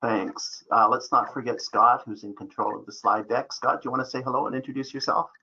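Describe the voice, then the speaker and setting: A man hosting an online webinar as a program manager, speaking in a relaxed way with many fillers. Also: medium pitch, a little fast, breathy edge. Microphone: video call. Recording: dull lo-fi call audio.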